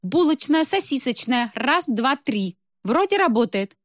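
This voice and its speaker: A woman voicing a fussy, bossy elderly woman who organizes a concert, talking shrill and loud. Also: very animated, unhurried, no room sound, clean studio sound. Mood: ringing.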